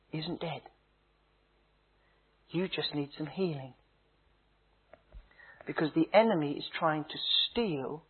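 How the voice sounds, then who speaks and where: A man, a minister, preaching a sermon with a husky voice, slow emphatic phrases that drop to a hush, and humorous stories. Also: on the high side. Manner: dramatic preaching, slow emphatic phrases dropping to hushed tones; humorous storytelling. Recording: tinny phone-like sound.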